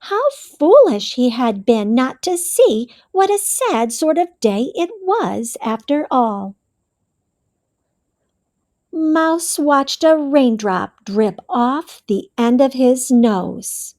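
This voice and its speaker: A woman reading a picture book aloud to children, slow and expressive, speaking directly to her young listeners. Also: sits high. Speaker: storybook reader for children.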